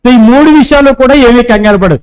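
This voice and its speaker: A man's voice: brisk, smooth, soft background music, low-quality recording. A man preaching a sermon as pastor, urging the congregation to repeat his words to each other and acting out quoted conversations. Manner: preaching with call-and-response prompts to the congregation; acts out quoted dialogue in a lowered voice.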